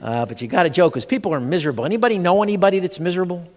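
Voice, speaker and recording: A man's voice: sits high, racing. A man doing stand-up comedy for a live audience, telling stories and acting out the dialogue. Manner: animated storyteller, acts out dialogue, addresses audience. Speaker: comedian and humor educator. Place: large expo hall before a live audience. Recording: long hall reverb.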